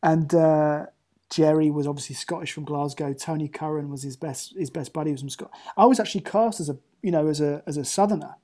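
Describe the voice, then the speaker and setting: Chatting casually in an interview over a remote link, a male actor spins lengthy anecdotes, restarting again and again. He speaks briskly in a mellow, fairly high voice.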